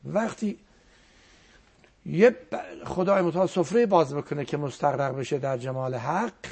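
A man's voice: fairly high pitch, darkish tone, husky. A man giving a reflective religious talk as a cleric, quoting verses and poetry as he goes.

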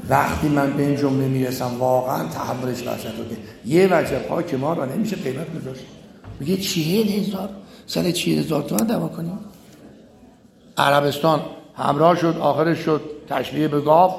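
A man's voice: mid-range voice, vocal fry, roomy sound. A man giving a political sermon, stressing his points by repeating phrases and acting out the people he quotes. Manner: acts out quoted speakers in animated bursts.

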